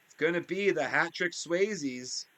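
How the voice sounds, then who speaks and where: A man giving excited play-by-play commentary on a video game hockey league, his voice jumping up on big plays and drifting into chatty asides. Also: a little slow, soft background music. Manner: rises sharply in pitch and volume on big plays, chatty asides.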